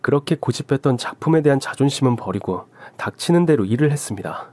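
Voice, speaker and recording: A man's voice: medium pitch, lively intonation, fast talker, dark tone, no room sound. A man in his forties narrating his own story in the first person, earnest and emotional.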